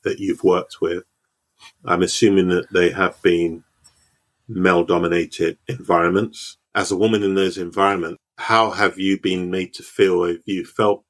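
A podcast host with a low, level voice conducts an interview at a moderate pace. He encourages his guest with frequent backchannels and affirmations and asks thoughtful follow-up questions.

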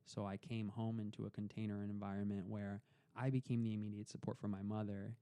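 A man's voice: on the low side, flat delivery, a little fast, warm tone, dry recording. A young man, a podcast guest, telling his story in an earnest, reflective way, often repeating words as he gathers his thoughts. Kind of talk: storytelling in a casual interview.

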